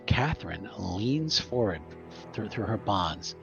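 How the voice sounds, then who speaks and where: Deep creaky-voiced guy, game master narrating a horror tabletop game, faint music behind. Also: sing-song, slow, a bit bright, dull audio.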